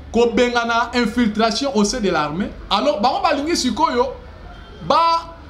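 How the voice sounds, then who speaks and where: A man's voice: very high voice, echoey room, a little hiss or hum. A man with a Congolese accent hosting a political news commentary, impassioned and mixing languages, with emphatic rising bursts. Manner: impassioned, switching between French and Lingala, with emphatic rising bursts. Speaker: host of a news commentary channel.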